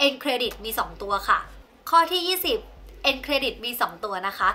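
A woman's voice: fairly high pitch, very animated, unhurried, sharp tone, slight background noise. A young woman vlogger chatting casually through a numbered movie rundown, with polite particles at the end of her sentences.

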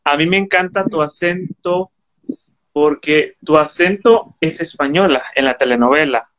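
Higher-voiced man interviewing, lo-fi sound. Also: a little slow, fairly bright tone. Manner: friendly and complimentary, asks questions. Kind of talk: casual interview chat.

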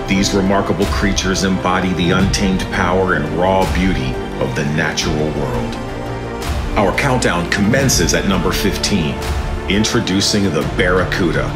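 Deep-voiced man narrating a nature documentary. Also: roomy sound. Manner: dramatic, grandiose. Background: music.

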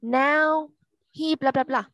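Woman teacher, high bright voice, dry close sound, drills words slowly for kids. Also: no echo, lo-fi sound. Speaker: English teacher. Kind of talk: online English class for children. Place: at home.

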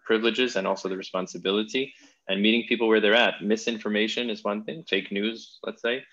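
A man's voice: lowish voice, fairly even intonation, a little fast, a bit bright, highs cut off. A man hosting a podcast interview, talking in an enthusiastic, thoughtful way with frequent restarts. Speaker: podcast host. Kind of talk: casual interview chat.

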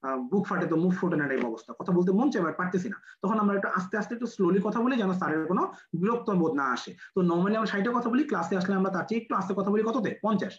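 Brisk Bangladeshi lecturer who drills the class with quick questions, recorded in a roomy, echoey space. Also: mid-range voice, lively intonation, highs cut off. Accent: Bangladeshi Bengali. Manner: quizzes students with rhetorical questions, repeats key numbers. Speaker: medical admission physics lecturer.

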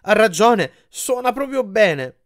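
A man voicing a quick-witted teenage boy hero in an audiobook, in a raised, eager tone. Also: high voice, sing-song, pitched above the performer's own voice, full character voice. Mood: flattering.

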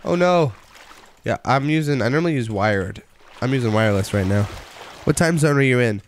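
A man's voice: mid-range voice, a little fast, slight background noise. Chatty young male game streamer. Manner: chatty, reads chat aloud, excited outbursts while playing. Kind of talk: casual live-stream commentary.

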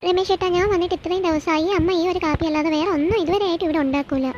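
A woman's voice: very high-pitched, fairly even intonation, very fast, music in the background. A woman voicing a spoiled, rich young daughter-in-law in a cartoon, whining and demanding in a petulant way. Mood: indignant. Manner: whiny, petulant complaining. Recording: dull lo-fi with faint hiss.

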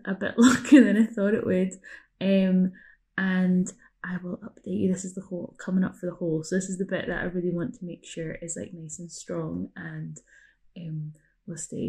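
A young woman talks through a hands-on craft demonstration in a small room, recorded close on a phone. Her voice has a slight gravelly edge and a middle-height pitch. She chats casually, often pausing and rephrasing as she thinks aloud. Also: mellow. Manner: chatty, self-correcting, thinking aloud. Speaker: craft tutor.

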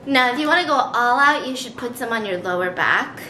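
A young woman hosting a vlog, chatting casually to camera with her partner in an excitable, dramatic, giggly manner. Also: a little high, a little fast, a little hiss or hum, rough recording. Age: young adult. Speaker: vlog host. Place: living room and kitchen at home, indoors.

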